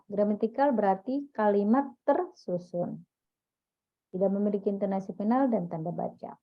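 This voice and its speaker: A woman's voice: mid-range voice, muffled recording. A woman teacher giving a classroom lecture, explaining step by step and quizzing her listeners with questions as she goes.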